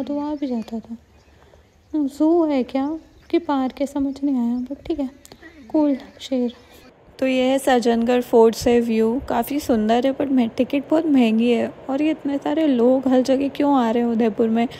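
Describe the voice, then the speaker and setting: A woman's voice: sits high, mellow. Wry young woman narrating a vlog. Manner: dry, wry storytelling. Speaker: vlogger. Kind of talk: voice-over narration.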